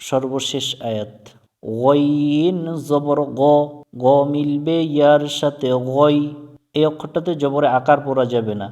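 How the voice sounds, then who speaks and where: A man's voice: on the high side, steady tone, a little mellow. Man teaching recitation in a long-echo room. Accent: Bangladeshi. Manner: spells out syllables slowly, then chants the joined verse. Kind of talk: slow letter-by-letter recitation lesson.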